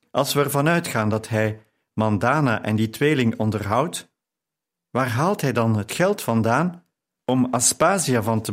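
A man reading a novel aloud as a measured first-person narration. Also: medium pitch. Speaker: audiobook narrator.

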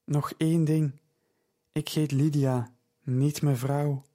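A man voicing a tired, kind-hearted woman with a dry, gentle, plain-spoken manner in an audiobook. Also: fairly high pitch, flat delivery, slow. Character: weary, kind-hearted middle-aged woman host.

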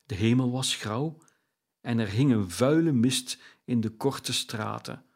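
Guy reading a storybook out loud, really slow and measured, mid pitched voice. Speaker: audiobook narrator. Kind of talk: storybook narration.

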